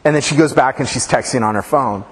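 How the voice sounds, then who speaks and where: A man's voice: medium pitch, fast talker. A man preaching a casual sermon, telling stories with informal asides, fillers and restarts. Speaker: pastor. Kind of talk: conversational sermon with storytelling. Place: church sanctuary. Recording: reverberant church hall.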